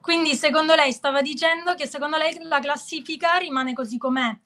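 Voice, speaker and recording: Bright high-voiced woman interviewer. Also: fairly even intonation, fairly quick. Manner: brief agreeing interjections. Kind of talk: casual interview.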